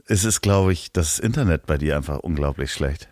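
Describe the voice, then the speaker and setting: A man's voice: a bass voice, lively intonation, fairly quick, a little mellow, no echo. A man co-hosting a casual podcast over a video call, teasing and rambling with fillers. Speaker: podcast co-host. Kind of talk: casual chat. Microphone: remote call.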